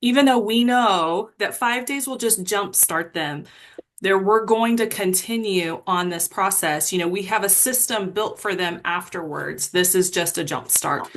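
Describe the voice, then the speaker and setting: A woman's voice: medium pitch, measured pace, slight background noise. Woman, team leader, casual motivational pep talk on a video call, rambling and self-deprecating.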